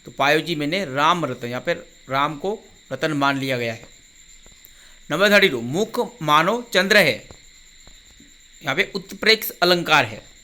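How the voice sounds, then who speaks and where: A man teaching a grammar quiz lesson. He recites verse examples slowly, then explains each one plainly. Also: on the high side, animated, pushed and bright.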